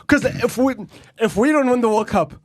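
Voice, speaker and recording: A man's voice: very high voice, lively intonation, normal speed, dry recording, studio quality. A man co-hosting a podcast, eagerly reeling off rugby stats and laughing often. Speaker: podcast co-host. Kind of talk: casual rugby banter.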